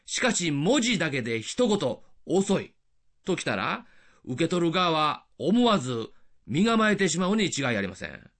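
Lively older male radio preacher, high voice. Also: normal speed. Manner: lively, explanatory with rhetorical questions. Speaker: radio evangelist. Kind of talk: radio sermon.

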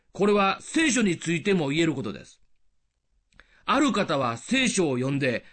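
An older man giving a radio sermon as an evangelist, explaining things plainly and posing questions to the listener. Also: fairly high pitch. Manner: lively, explanatory with rhetorical questions.

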